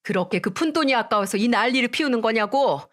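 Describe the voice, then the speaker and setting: A woman doing a shrill, scolding old mother-in-law. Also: expressive, fast, a bit bright. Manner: scolding, indignant. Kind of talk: dramatized story reading.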